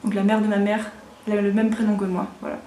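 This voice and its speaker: A woman's voice: mid-range voice, completely flat delivery, fast, mellow, reverberant, slight background noise. A woman in her thirties from Alsace, chatting casually and frankly as a vlogger, rambling with lots of fillers and restarts. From Alsace, France. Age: 30s. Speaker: vlogger answering viewer questions. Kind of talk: casual chat.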